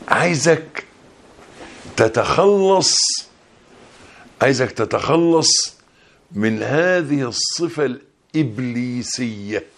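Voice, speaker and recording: A man's voice: mid-range voice, lively intonation, slow pace, vocal fry, pauses often. A man with an Egyptian Arabic accent giving a Ramadan sermon, colloquial and emphatic, pressing his points. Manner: colloquial, emphatic, rising loudness when stressing points. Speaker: preacher.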